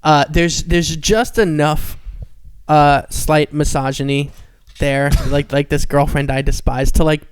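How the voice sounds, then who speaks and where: High, smooth-voiced male podcast host. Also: steady tone, unhurried, dry recording. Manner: upbeat, with hesitant fillers. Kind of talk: casual podcast chat.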